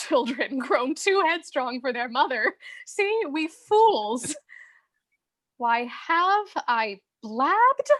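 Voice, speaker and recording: A woman's voice: high voice, fairly bright tone, full character voice. An actress playing a witty young woman in love, flustered and laughing between lines of stage verse.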